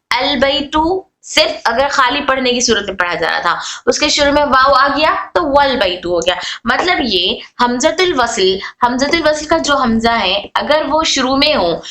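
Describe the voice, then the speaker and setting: A woman teaching a class on Arabic letter rules, repeating points, asking questions and answering them herself, and stretching out example words slowly. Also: high-pitched, a bit bright. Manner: drawn-out slow model readings of words. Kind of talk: online class lecture. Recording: echoey room.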